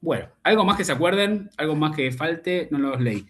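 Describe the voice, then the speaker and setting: A man's voice: fairly high pitch, lively intonation, normal speed, a bit bright. A man teaching a speech therapy class over a video call, explaining at length and often checking in with his students.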